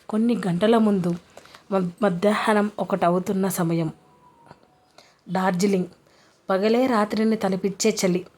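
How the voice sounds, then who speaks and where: A woman's voice: mid-range voice, a little mellow. A woman narrating a romance story and reading all the characters' lines in her own voice.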